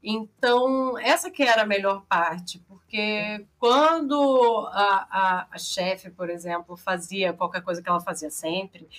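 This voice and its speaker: A woman's voice: mid-range voice, measured pace, hardly any pauses. A woman with a Brazilian Portuguese accent, a podcast guest telling workplace stories in casual chat with frequent laughter. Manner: animated storytelling with frequent laughter.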